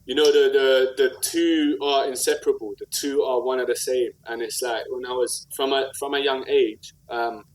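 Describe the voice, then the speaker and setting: Guesting on a podcast, a South London rapper who also works as a community activist shares stories and reflections in conversational slang, sprinkling in "like" and "you know what I mean." He speaks at medium pitch and normal speed with fairly even intonation and few pauses, on a rough recording.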